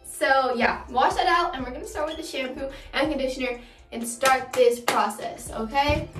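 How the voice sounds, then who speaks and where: Chatty high-voiced young woman vlogging. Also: normal speed, over music. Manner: chatty and rambling, anxious, restarts mid-sentence. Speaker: beauty vlogger. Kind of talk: casual vlog chat.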